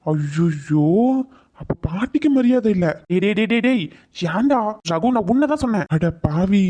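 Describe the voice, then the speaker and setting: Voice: mid-range voice, expressive, normal speed, mellow, lightly acted. A performer voicing a sarcastic young man in a cartoon who teases and threatens his friend. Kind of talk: cartoon voice acting.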